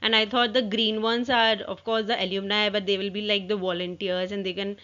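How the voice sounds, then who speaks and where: Woman presenter, mid-pitched, informal slide walkthrough, halting with restarts, muffled low-fidelity sound. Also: flat delivery, a bit bright. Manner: halting, with repeated false starts. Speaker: presenter walking through own work assignment. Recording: dull, lo-fi audio.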